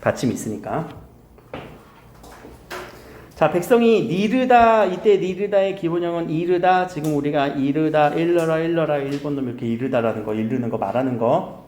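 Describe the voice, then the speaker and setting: A man teaching grammar in a casual recorded lecture, often quizzing his students with quick questions. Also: on the high side, darkish tone. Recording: echoey room.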